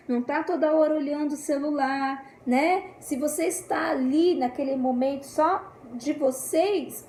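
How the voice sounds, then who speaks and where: A Brazilian woman in her thirties, a psychopedagogue, giving casual parenting tips and checking in with "né?" as she explains. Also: darkish tone. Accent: Brazilian Portuguese. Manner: acts out the scolding parent in a shrill, raised voice. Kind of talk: casual instructional talk to camera. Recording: echoey room, faint background noise.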